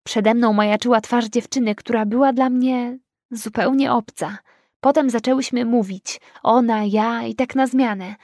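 A woman reading a first-person audiobook in a measured, dramatic delivery. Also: fairly high pitch, fairly even intonation, a little mellow, no room sound, studio quality. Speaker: audiobook narrator.

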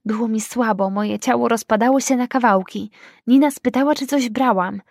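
Woman narrating an audiobook, fairly high. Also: normal speed, gravelly, a little mellow, dry recording, clean studio sound. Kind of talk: first-person audiobook narration.

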